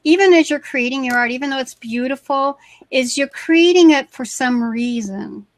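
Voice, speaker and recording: Woman, a bit high-pitched, dry sound, hesitant, lots of fillers, video call. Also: normal speed, no room sound. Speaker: crowdfunding consultant. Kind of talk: casual video-call chat.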